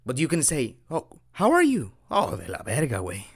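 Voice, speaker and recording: A young Mexican man, a native Spanish speaker with a Mexican accent, makes audio roleplays and here improvises as a boyfriend giving a casual Spanish lesson. His medium-pitched voice swoops wildly, brisk, creaky and slightly rough. He comes across giggly, dorky, hesitant and self-deprecating.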